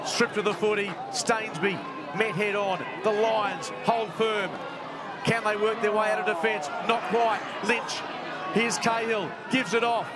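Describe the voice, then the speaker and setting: Man, Australian accent, high voice, clipped live football commentary, very loud crowd behind. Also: heavy background noise. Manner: short, clipped phrases. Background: loud crowd at outdoor ground.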